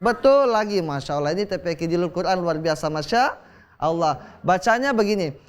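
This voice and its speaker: A man's high, animated voice moves briskly as he teaches children on a religious TV show in the studio. Quizzing them and leading call-and-response, he stays encouraging and exclaims praise often.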